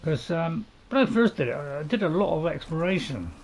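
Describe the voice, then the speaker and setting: Bloke chatting over his game, bit high n croaky, rambly, faint noise behind. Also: very animated, brisk. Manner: rambling, chuckling asides. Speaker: gamer recording a playthrough. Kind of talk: casual game commentary.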